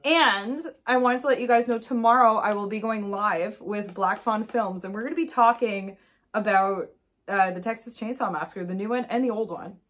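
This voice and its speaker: A young woman reviewing horror films in a casual vlog, chatty and full of fillers, telling the plot with animated asides. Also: mid-range voice, moderate pace.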